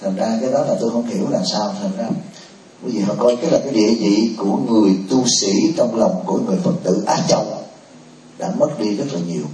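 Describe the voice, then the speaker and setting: A man speaks as a Buddhist monk hosting a temple discussion, chatty and fond of joking asides. His voice is mellow and dark. He is heard from across an echoey hall rather than close to the mic. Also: fairly low pitch, fast, a little hiss or hum. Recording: roomy hall, from a distance.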